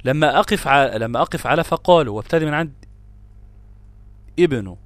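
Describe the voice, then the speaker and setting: Animated and quick, a man with a medium-pitched, slightly bright voice and an Egyptian Arabic accent teaches a tajweed lesson on grammar rules as a Quran recitation teacher. He highlights example words, questions himself and answers, and switches between classical and colloquial Arabic. The recording is dry.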